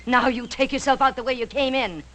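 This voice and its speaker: An actress playing a feisty, proud and warm-hearted Irish frontier woman in a TV western, with outspoken, lilting, folksy speech. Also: sits high, fairly even intonation, fairly quick. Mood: indignant. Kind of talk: 1960s TV western acting.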